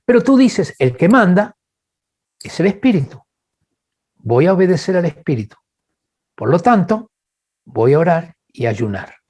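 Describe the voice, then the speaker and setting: A Chilean-accented guest speaker preaches over a webinar microphone, speaking a little slowly with frequent pauses. He's animated, telling personal stories and acting out quoted voices with big jumps in pitch. He calls his listeners brothers and keeps asking "okay."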